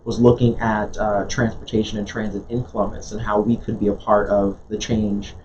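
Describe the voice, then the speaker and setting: A man born in Jamaica speaks as an interview guest in a low, earnest voice and often restarts his sentences. The sound is dull and lo-fi. A faint hiss sits underneath. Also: flat delivery, normal speed, darkish tone. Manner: earnest, many restarts and fillers. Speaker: guest, nonprofit leader. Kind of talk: conversational interview.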